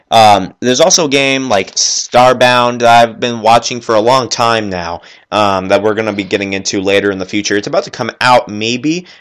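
A man hosts his own gaming podcast alone at his computer. He talks fast and with enthusiasm, rambling from point to point and restarting sentences as he goes. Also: mid-range voice. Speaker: podcast host. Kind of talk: solo gaming podcast chat. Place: at his computer, working while talking.

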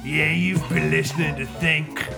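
A man's voice: fairly high pitch, fairly even intonation, unhurried, gravelly, over music. A man doing a growling, creepy British-ish orphanage keeper. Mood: theatrical. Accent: put-on vague British.

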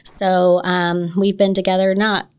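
A woman's voice: lowish voice, little pitch movement, measured pace, clear, resonant tone. Woman, 50s, podcast guest, friendly chatty storytelling. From Indiana. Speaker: podcast guest, foundation president. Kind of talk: casual interview chat. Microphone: studio microphone.

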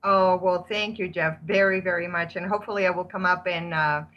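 A woman's voice: on the low side, steady tone, brisk, dull audio. A woman guest on a podcast interview, a chatty storyteller who speaks with many fillers. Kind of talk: casual interview chat. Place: at home in Spain, on a remote call.

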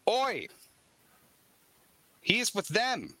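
A man voicing a brash, bossy feral boy in a tabletop game who shouts and scolds. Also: high-pitched, sing-song, slow, no echo, voice pushed up, full character voice.

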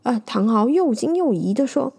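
High-voiced woman reading a storybook. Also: moderate pace, creaky, breathy edge. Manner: lively, animated read-aloud with small fillers. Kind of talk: storybook narration.

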